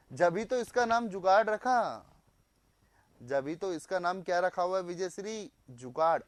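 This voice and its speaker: A man's voice: sits high, dry recording. A male teacher running a live online class, quizzing students, repeating their answers back and mixing in English phrases.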